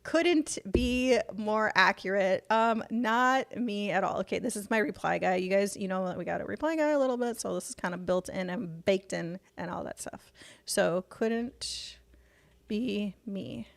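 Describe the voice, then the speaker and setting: A woman's voice: mid-range voice, measured pace, creaky. A woman streamer reacting to the day's news in casual chat, rambling and swearing heavily whenever she gets passionate. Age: adult parent. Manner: rambling, heavy swearing, fired-up rants.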